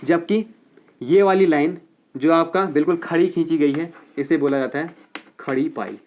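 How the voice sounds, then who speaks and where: Guy teaching a grammar class for exams, kinda high voice, explains bit by bit, says "ok" a lot, repeats words slowly. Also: darkish tone. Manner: explains step by step, repeating "ठीक है" to check understanding. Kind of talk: Hindi grammar lecture for exam students.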